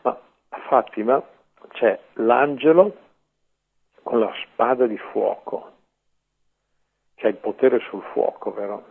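Gravelly-voiced man on tinny radio. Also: mid-range voice, takes it slowly, long pauses. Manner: chatty, repeats "eh" and "vero". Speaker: religious radio speaker. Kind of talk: informal radio catechesis.

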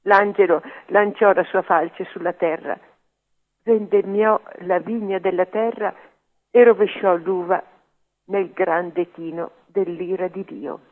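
A man reading a scripture passage aloud in a solemn, measured way. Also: high-pitched, fairly even intonation. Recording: tinny radio line.

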